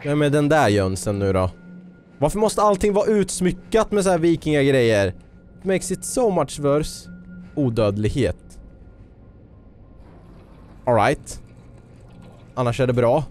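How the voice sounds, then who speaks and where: A man's voice: a little high, very animated, long pauses, a little mellow, faint music behind. Swedish-speaking man, jokey gaming commentary. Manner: jokey, chatty, tosses in mock-English quips. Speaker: gaming video host. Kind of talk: casual let's play commentary.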